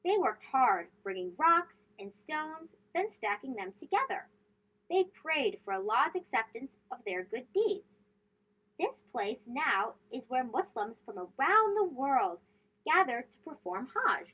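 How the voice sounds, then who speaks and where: Slightly slow and husky, the high-voiced host of a children's read-aloud show performs a storybook with very animated intonation. She emphasizes phrases and addresses questions to the young audience, and the recording comes across a little dull.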